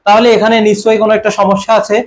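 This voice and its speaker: A young man teaching an online exam-prep grammar class, often quizzing his students and clearing his throat. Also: high-pitched, level tone, rapid-fire. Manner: quizzing students with repeated questions. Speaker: admission coaching teacher.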